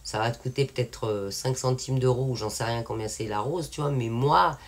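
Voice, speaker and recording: In a rumbling low voice at normal speed, an independent singer from France casually and frankly updates her channel's viewers. She rambles, with lots of fillers and restarts.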